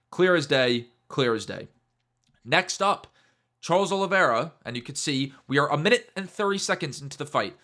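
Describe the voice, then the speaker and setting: A young man giving a casual, mocking breakdown of a fight, animated and fond of repeating his catchphrases. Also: on the high side. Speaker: MMA YouTuber.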